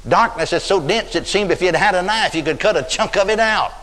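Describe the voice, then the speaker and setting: His voice sits high and fairly bright, moving a little fast as this older man with a Texan accent delivers a sermon. He stretches emphatic words while telling dramatic stories, and the church hall adds long reverb.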